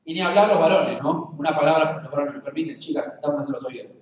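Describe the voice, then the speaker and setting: A man with a Rioplatense Argentine accent preaches, his voice pitched high for a man. He is picked up from some distance in a very echoey church. He jokes and talks straight to the congregation. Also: fast talker. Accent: Rioplatense Spanish. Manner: humorous, conversational, addresses the congregation directly. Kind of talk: sermon. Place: church hall.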